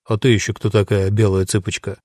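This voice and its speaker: A man's voice: fairly low pitch, flat delivery, a little fast, a little mellow, no room sound, studio quality, lightly acted. A man voicing a crude, swaggering male prisoner who mocks everyone in coarse slang. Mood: mocking.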